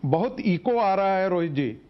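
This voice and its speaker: A man's voice: high-pitched, lively intonation, normal speed, highs cut off. A man speaking as a panelist in a televised debate over a remote line with echo, hesitant and restarting his sentences. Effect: echoey remote audio line.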